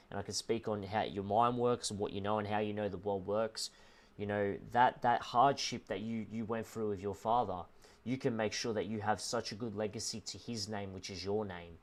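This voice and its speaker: Young male streamer with a low voice, heartfelt and emotional, speaking haltingly to a viewer. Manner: earnest, halting, repeats "bro" and "man". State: emotional, close to tears. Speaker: livestreamer.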